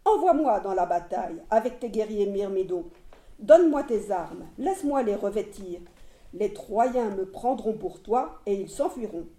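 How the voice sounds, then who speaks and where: A woman's voice: medium pitch, lively intonation, measured pace, dark tone, close to an everyday voice. A woman reading the lines of a tearful young male warrior who pleads earnestly. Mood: pleading. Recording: roomy echo.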